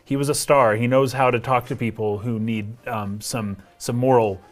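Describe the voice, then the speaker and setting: A man in a casual chat about a video game, animated, laughing often and wandering into side stories. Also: mid-range voice, normal speed, soft background music. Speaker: co-host discussing a video game.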